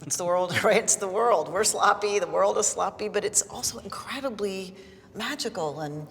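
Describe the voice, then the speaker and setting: A woman's voice: mid-range voice, moderate pace, big-room sound, a little hiss or hum. Reflective rabbi in her fifties. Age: 50s. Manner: reflective, searching for words. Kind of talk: panel discussion.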